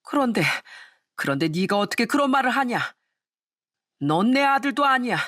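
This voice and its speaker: A woman voicing an angry older father-in-law in a storybook drama, shouting and scolding. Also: fairly high pitch, animated, moderate pace. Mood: furious. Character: furious old father-in-law, scolding his son.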